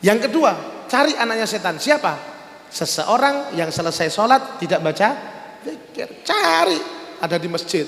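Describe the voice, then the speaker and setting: A man with an East Javanese accent delivers a storytelling sermon in a high voice, swinging his delivery as he acts out the people in his tale. He speaks into a clip-on mic, and his voice rings through an echoey hall with a long reverb tail. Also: sing-song, moderate pace, a bit bright. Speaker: preacher. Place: religious gathering hall. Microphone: lavalier clip-on mic.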